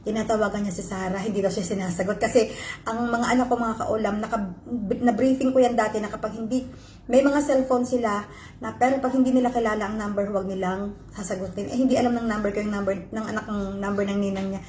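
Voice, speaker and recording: A woman's voice: mid-range voice, steady tone, quick pace, a little mellow, a little hiss or hum. A woman vlogger telling her viewers an emotional personal story, switching between Tagalog and English. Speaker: vlogger host. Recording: roomy echo.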